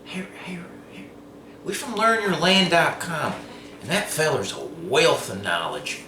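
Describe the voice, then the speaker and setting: A man's voice: fairly high pitch, animated, measured pace. A man telling a rambling tall tale in a folksy, meandering way while he cooks, at times dropping to a whisper. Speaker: host cooking on camera. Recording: roomy, distant, noisy ambience.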